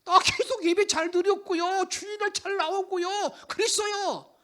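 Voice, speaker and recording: A man's voice: extremely high pitch, fairly even intonation, normal speed, bright, forceful tone, a little hiss or hum, voice pushed up. A man preaching mimics the people of ancient Israel, protesting indignantly that they never left God. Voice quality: whiny, protesting.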